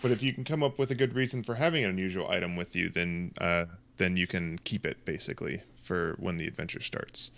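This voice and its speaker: A man running a tabletop game as game master, explaining things casually with many pauses and restarts. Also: low voice, creaky, fairly bright tone. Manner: hesitant, many ums and restarts.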